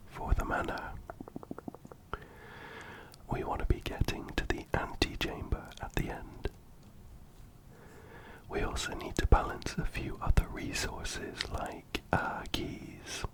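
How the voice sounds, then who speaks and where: A man's voice: slow pace, pauses often. A man with a cold and blocked nose, whispering gameplay commentary ASMR close to the mic, ear to ear. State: stuffy nose from a cold, breathing through the mouth. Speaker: ASMR gaming channel host. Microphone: close binaural mic, ear to ear.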